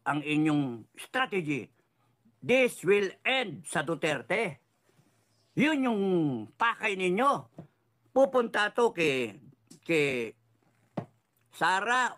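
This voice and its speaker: A man's voice: sits high, a bit bright. Heated, swearing man ranting about politics. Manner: angry, sarcastic, swearing, mixes in English phrases. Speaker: political commentator.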